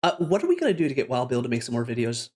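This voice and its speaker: A man's voice: medium pitch, wildly swooping pitch, very fast, a little mellow. A man from Canada hosting a casual gaming podcast, upbeat and laughing often, with loose restarts. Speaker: podcast host.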